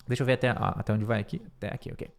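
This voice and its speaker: A middle-aged man teaching an English lesson, going through a speech line by line, repeating words slowly to model pronunciation and correcting himself as he thinks aloud. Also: on the low side, steady tone, creaky.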